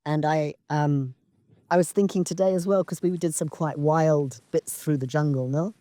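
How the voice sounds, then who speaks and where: A woman from Zambia giving a slow, halting, reflective dharma talk as a meditation teacher on a retreat. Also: deep voice, fairly even intonation, mellow, dry recording, clean studio sound. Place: outdoor retreat in wilderness.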